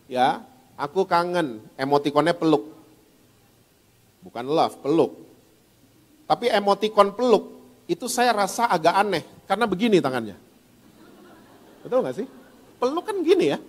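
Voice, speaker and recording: A male pastor preaching a sermon in a church, lively and questioning the congregation. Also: sits high, normal speed, pauses often. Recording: reverberant church hall.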